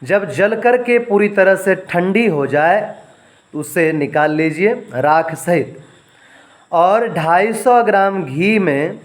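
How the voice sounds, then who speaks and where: A man with a somewhat high voice explains home remedies in an instructional way. He talks at a slow, deliberate pace. He spells out words and repeats lists carefully. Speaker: Ayurvedic remedy teacher.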